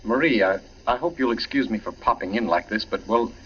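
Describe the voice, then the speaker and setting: An actor playing an anxious, apologetic suburban friend, speaking in a halting, earnest 1940s radio drama manner. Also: male voice, on the low side, fairly bright tone, natural voice. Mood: anxious, subdued. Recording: muffled, hissy 1940s radio recording.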